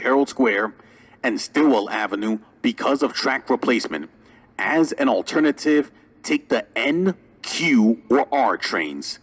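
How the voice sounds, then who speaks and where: A man's voice: medium pitch, breathy edge. A man reading a formal public transit announcement in the manner of an airport announcement, delivered phrase by phrase. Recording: noisy station recording with ambience.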